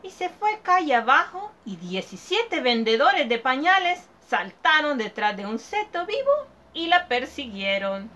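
A woman teacher slowly reading a picture book aloud to children in an animated storytelling manner. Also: sits high, lo-fi sound.

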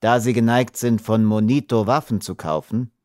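A male narrator voicing a calm, dignified Native chief who speaks coolly and politely in an audiobook. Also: lowish voice, no echo, clean studio sound, natural voice. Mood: polite probing. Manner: cool, measured, polite.

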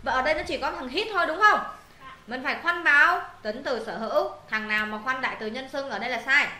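A woman's voice: high-pitched, quick pace, sharp tone, echoey room. A woman English teacher, walking students through exam answers, repeating words and checking they follow. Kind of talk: exam answer walkthrough lesson.

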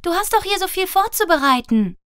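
A woman's voice: very high voice, big pitch swings, a little fast, a bit bright, no echo, studio quality, voice pushed up, full character voice. A woman voicing a sweet, eager little girl in a children's fairy tale, with a pleading, exclamatory, childlike manner.

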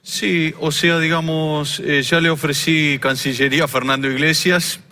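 A man impersonating a libertarian presidential candidate with an Argentine accent, rambling through "o sea, digamos" fillers and breaking into shouts. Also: on the high side, level tone, normal speed. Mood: smug. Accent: Argentine Spanish. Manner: filler-laden, saying "o sea, digamos" constantly, with bursts of shouting. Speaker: comedian on a radio show. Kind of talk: satirical impersonation sketch.

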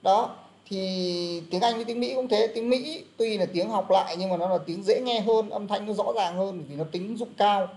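Một người đàn ông dạy tiếng Anh, giảng giải kiểu trò chuyện thân mật với nhiều từ đệm. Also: male voice, high voice, moderate pace, darkish tone. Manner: chatty explaining, many fillers. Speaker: English teacher. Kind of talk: casual online lesson.

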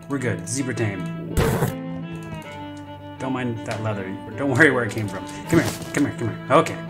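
A man giving jokey, excitable running commentary while playing a video game, swinging between panic and mock grief. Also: fairly low pitch. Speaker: gaming commentator. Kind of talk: live gameplay commentary. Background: background music.

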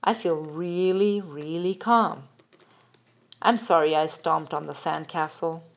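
A woman's voice: deep voice, takes it slowly, full character voice. A woman voicing a little boy koala in a picture book, raising her voice to sound upset and emphatic. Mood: calm.

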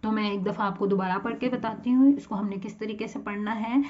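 A woman's voice: medium pitch, fairly even intonation, brisk, a little mellow. A woman with a Pakistani Urdu accent teaching children to read letters, patiently repeating each sound and explaining how to shape the mouth. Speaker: teacher of Quran reading for children. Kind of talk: slow spoken lesson, drawing out letter sounds. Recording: dull lo-fi sound.

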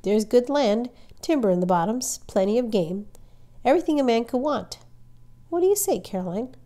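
A woman voicing a calm, practical pioneer father in a storybook read-aloud, in plain, unhurried talk. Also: on the high side, voice pushed up, lightly acted. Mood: easygoing.

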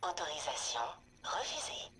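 A woman's voice: low-pitched, big pitch swings, moderate pace, pushed and bright, a little hiss or hum, exaggerated voice. A woman voicing a game's robotic computer security system, giving clipped automated announcements in a synthetic robot voice.

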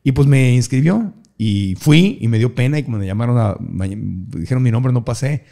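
A middle-aged man with a Mexican accent talks easily in a relaxed interview. He tells his stories with energy and slips into impressions of the people in them. His voice sits at an average pitch. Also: normal speed, gravelly. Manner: animated storyteller who mimics people. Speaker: guest, speaker. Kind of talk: casual interview storytelling.

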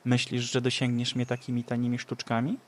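A man voicing a cruel, mocking mad sorceress who speaks slowly and taunts in a sing-song way, for a storybook reading. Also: medium pitch, monotone, close to an everyday voice. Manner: slow, taunting, sing-song with cackling laughs.

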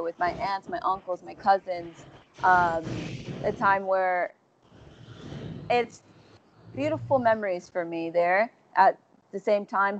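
A woman's voice: mid-range voice, a little hiss or hum. Woman in her twenties on a dull video call. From Texas, USA. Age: 20s. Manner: chatty, many fillers and restarts. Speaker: interview guest, athlete. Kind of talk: casual video-call interview. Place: large indoor gym hall. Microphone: earphone mic on video call.

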